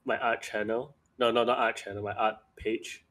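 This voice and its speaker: A man's voice: on the low side, flat delivery, moderate pace, fairly bright tone. A man chatting casually on a podcast, complaining bluntly and swearing. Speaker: art streamer and podcast co-host.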